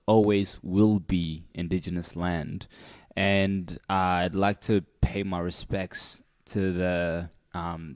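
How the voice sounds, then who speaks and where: A man's voice: sits low, a little mellow, no room sound, studio quality. A man speaking casually as a panellist in a livestream discussion. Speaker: youth arts panellist.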